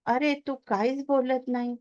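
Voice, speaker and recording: A woman reading the part of a worried middle-aged father who talks things through earnestly and calmly. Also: sits high, a little slow, muffled recording, pitched above the performer's own voice.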